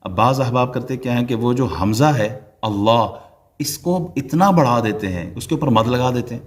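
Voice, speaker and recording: A man gives a religious lesson in a steady, mid-pitched voice. He talks through his points briskly and breaks into slow, drawn-out chanting to show how each phrase should sound. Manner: explains briskly, then chants call-to-prayer phrases slowly to demonstrate. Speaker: Islamic religious teacher.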